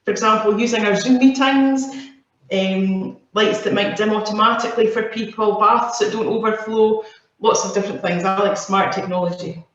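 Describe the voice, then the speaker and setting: A woman who works as an occupational therapist explains things plainly over a video call, listing examples in a casual way. Her medium-pitched voice has fairly even intonation and a moderate pace. The call audio is muffled and very echoey.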